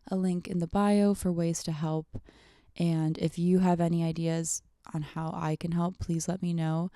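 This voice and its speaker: A young adult woman, hungover, chatting casually on her solo podcast in a halting, rambling way that often trails off, with vocal fry. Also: lowish voice, dark tone, no room sound, studio quality. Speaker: podcast host.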